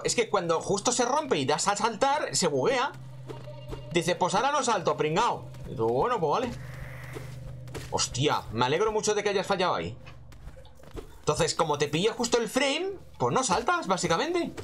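A man with an accent from Spain chats through his gameplay. His voice sits a little high and swings around in pitch. He rambles in slang and swears freely, with clear noise and game ambience behind him. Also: sing-song, moderate pace, a bit bright. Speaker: gaming host. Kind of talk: casual gameplay commentary.

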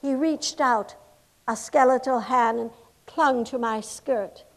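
A high-voiced, earnest 1860s lady, the wife of a governor, played by an actress in a live reenactment, recounts her cause in solemn, impassioned oratory. She speaks slowly and deliberately, stressing each grim detail. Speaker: historical reenactor. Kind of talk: first-person historical monologue.

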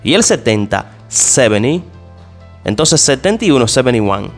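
A man teaching an English lesson in Spanish, explaining step by step and asking and answering his own questions. He talks directly to his listeners and drops to a lower, softer voice for each English example. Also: very animated, moderate pace, soft background music. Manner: addresses listeners directly and informally. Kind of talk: spoken language lesson.

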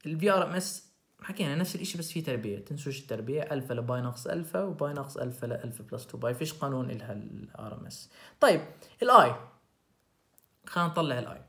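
A young man with a Jordanian accent, tutoring through a recorded lecture and repeating the key points. He asks quick questions and answers them himself. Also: on the high side, fairly bright tone. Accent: Jordanian Arabic. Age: young adult. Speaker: student tutor.

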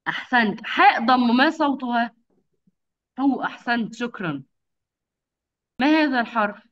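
A woman with a high, very lively voice leads a lesson for young children. She sounds out each syllable patiently and slowly and praises often. The sound is dull and lo-fi, like a video call. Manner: patient, drawn-out enunciation with frequent praise. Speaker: kindergarten teacher.

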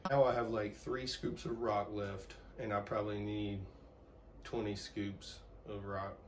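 A man talking flatly about his work worries, stressed. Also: lowish voice, unhurried, a little hiss or hum. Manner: stressed, flat.

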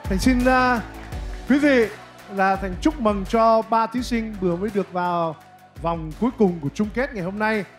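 Guy co-hosting a live pageant, joking with the crowd, fairly high voice. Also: brisk, soft background music. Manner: playful, jokes with the audience. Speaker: pageant co-host. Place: live event stage.

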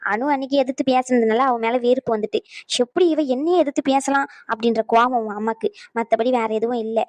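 A woman's voice: on the high side, quick pace, a little mellow, no echo, close to an everyday voice. A woman voicing a fussy, meddling but kind elderly grandmother in a cartoon, nagging and chatty. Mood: explaining. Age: older. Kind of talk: cartoon voice acting.

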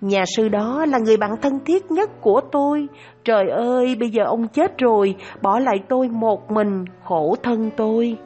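A woman voicing a greedy, scheming male swordsman who turns killer, speaking in a storybook tale with feigned grief and smooth persuasion. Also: fairly high pitch, moderate pace, warm tone, soft background music. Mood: fake wailing.

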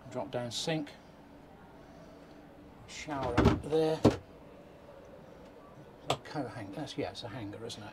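He speaks slowly with frequent pauses in a mid-range voice, a motorhome vlogger casually walking through a motorhome at an indoor trade show. His manner is chatty and reflective, with mild remarks as he thinks aloud. The noisy exhibition hall comes through on his handheld camera mic.

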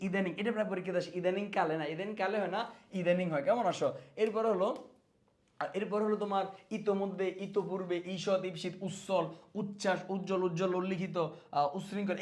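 Fast, high-voiced Bangladeshi teacher. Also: male voice. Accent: Bangladeshi Bengali. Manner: energetic, repeats words for drilling, asks and answers own questions. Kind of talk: spelling lesson for exam students.

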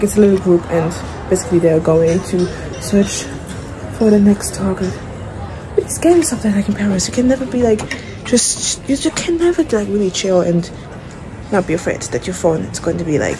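Talking briskly at medium pitch with background noise, a young adult vlogger chats to her phone camera, holding it at arm's length in her bedroom. Groggy and tired in the morning, she teases herself and lets out some light swearing.

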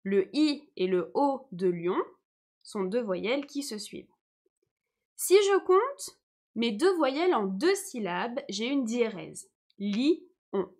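A woman's voice: fairly high pitch, very animated, slow, darkish tone. A young woman teacher giving a live online lesson, explaining patiently and often checking that her viewers follow.

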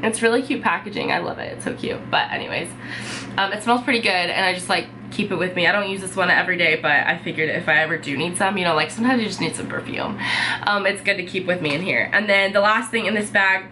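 Talking quickly in a lowish voice against a noisy background, a young adult woman vlogs about beauty from her bedroom. She sounds congested and unwell, and her casual chat to camera is full of "um" and "like."

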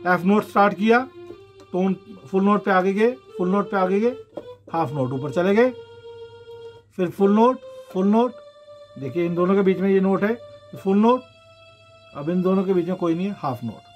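A man's voice: high voice, normal speed, long pauses, soft background music. A man explaining keyboard scales in a patient, casual tutorial, counting the steps out aloud. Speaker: keyboard teacher.

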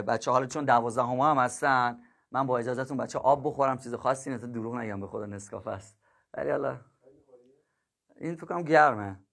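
A man's voice: mid-range voice, fairly bright tone. A male math teacher chatting casually with his students on a livestream, joking and laughing and calling them kids and dear ones. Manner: chatty, jokes and laughs with viewers.

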